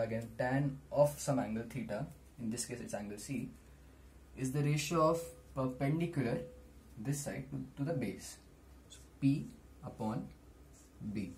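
A young man teaching maths at a whiteboard in a small room, explaining deliberately in short steps. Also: lowish voice, darkish tone. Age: teens to young adult. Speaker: maths tutor. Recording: noisy small-room camera recording.

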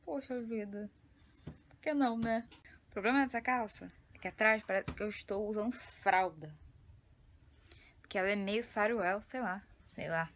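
A woman's voice: medium pitch, normal speed, long pauses, slight background noise. A young woman with a Brazilian accent chatting casually to camera on a cruise ship, joking about herself and laughing often. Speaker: travel vlogger. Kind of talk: casual vlog chat. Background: background music.

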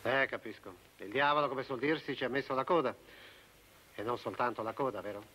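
An actor playing a dignified male cardinal who speaks in a slow, measured way, in a film comedy. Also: medium pitch, sharp tone, slight background noise, lightly acted. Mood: solemn.

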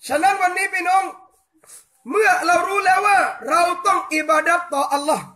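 A man shouts a fervent sermon in a very high, bright, forceful voice. He calls out to the crowd as brothers and sisters through a loudspeaker, and the sound rings around an echoey room. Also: fairly quick. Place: hall on a small island.

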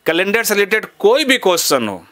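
A man's voice: sits high, big pitch swings, a little fast, sharp tone. A young man from Bihar teaching as a memory trainer in a live class, rattling off numbers at speed and mixing English into his Hindi. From Bihar, India. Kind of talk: fast live class demonstration.

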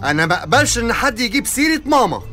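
Jittery high-voiced Egyptian groom. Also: male voice, very animated, racing, bright, forceful tone, faint music behind, exaggerated voice. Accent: Egyptian Arabic. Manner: hesitant, then shrill and indignant. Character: young groom, timid and mama's boy.

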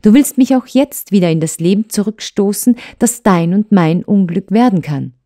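A woman voicing a hurt young wife who pleads and reproaches her husband with urgency, in a mellow tone. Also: fairly low pitch, measured pace. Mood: reproachful.

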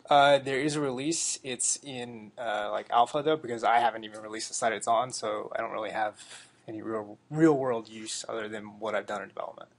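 A man presents his own project at a meetup, talking loosely and filling pauses with plenty of uhs. His voice has a gravelly, fry-tinged edge. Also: fairly low pitch. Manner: relaxed, lots of uh fillers. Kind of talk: casual tech demo talk. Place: meeting room.

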